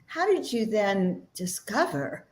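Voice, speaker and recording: A woman's voice: medium pitch, big pitch swings, slow pace. Woman, interview host, curious and questioning, roomy echoey sound. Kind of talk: interview conversation.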